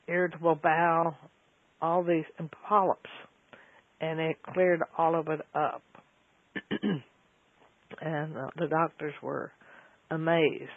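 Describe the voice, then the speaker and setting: Man, gravelly voice, flat delivery, rambling explainer, tinny phone line. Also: fairly high pitch, dry recording. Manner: rambling, fillers and self-corrections. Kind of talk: casual explanatory talk.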